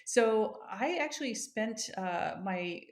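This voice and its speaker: A woman's voice: on the high side, expressive, takes it slowly. A woman from Japan, an executive coach, telling her story as a podcast guest in a conversational way, often checking in with "right?". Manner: conversational, with restarts and frequent "right?".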